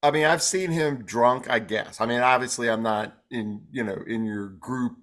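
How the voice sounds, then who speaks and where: A man co-hosts a podcast, chatting casually in a rambling, self-deprecating way and laughing often. His voice sits at medium pitch with a fairly bright tone, and he speaks at a moderate pace.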